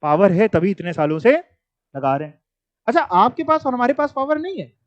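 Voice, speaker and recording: A man's voice: sits high, big pitch swings, brisk, no echo. A male teacher giving a classroom lecture in a conversational way, mixing in English terms and teasing his students. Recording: dull, dry lecture audio.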